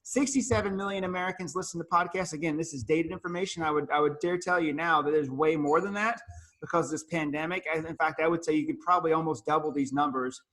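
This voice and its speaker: A man giving a talk at a business luncheon, telling his story in a lively, animated way and acting out the lines he quotes. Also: a little high, fast. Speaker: featured speaker.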